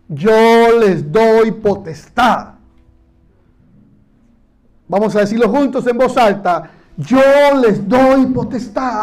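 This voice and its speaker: A man with a very high voice preaches to his congregation, calling out lines for them to repeat. He speaks as their pastor, moving between teaching and rallying the room. His voice sits well above most men's. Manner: animated preaching, leads congregation in call-and-response. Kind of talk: sermon.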